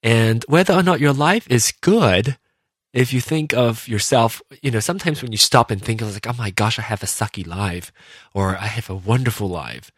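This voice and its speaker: A man hosting a podcast, talking casually and reflectively about himself, often pausing and rephrasing as he thinks aloud. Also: medium pitch, breathy edge, no echo, clean studio sound. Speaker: podcast host. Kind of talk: casual reflective personal monologue.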